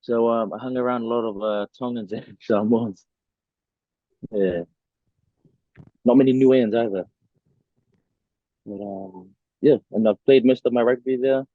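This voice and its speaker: A man's voice: medium pitch, unhurried, pauses often, dry recording. Young man on a tinny video call. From New Zealand. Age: young adult. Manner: relaxed, many fillers and restarts. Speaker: rugby player interviewee. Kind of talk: casual interview answers.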